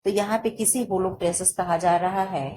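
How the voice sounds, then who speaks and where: A woman's voice: lowish voice, fairly even intonation, moderate pace, background noise. Woman teacher quizzing her own lecture. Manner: explains and quizzes herself with repeated rhetorical questions. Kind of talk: exam-prep lecture.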